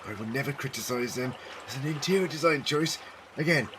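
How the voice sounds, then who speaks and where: A man playing an eccentric, quick-thinking time-travelling doctor in a fan audio drama, musing theatrically. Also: mid-range voice, heavy background noise, close to an everyday voice. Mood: wry, anxious. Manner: theatrical, musing aloud to himself.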